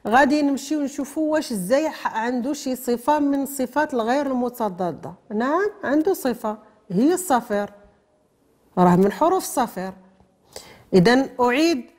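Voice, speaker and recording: A woman's voice: fairly high pitch, darkish tone. A woman with a Moroccan accent teaching a lesson on how a letter is pronounced, asking questions and then answering them herself, mixing formal terms with everyday speech. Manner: explains step by step, asks and answers her own questions. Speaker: tajweed teacher.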